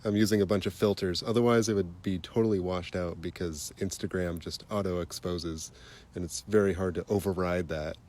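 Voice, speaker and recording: A man hosting a casual livestream outdoors at night, chatty and quick to laugh, with a slightly stuffy nose, talking into a phone. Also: sits low. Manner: relaxed, chatty, laughs easily. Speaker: livestream host. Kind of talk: casual live chat while stargazing.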